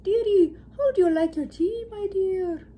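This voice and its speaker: A woman voicing a doting, sweet young female seer with a high, sing-song, cooing manner. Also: a little slow, mellow, a little hiss or hum.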